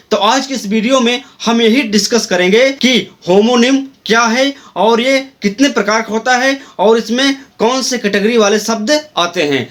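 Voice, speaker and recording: A man with a high voice teaches an English grammar lesson at an unhurried pace. He spells words out letter by letter and restates every point in other words. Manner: repeats and rephrases each point. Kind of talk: explanatory video lesson.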